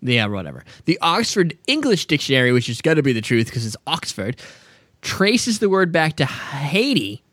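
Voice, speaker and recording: A man's voice: fairly high pitch, very animated, normal speed, a bit bright, no echo. A man hosting a casual chat, reading facts aloud with joking asides and frequent laughs. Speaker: podcast host.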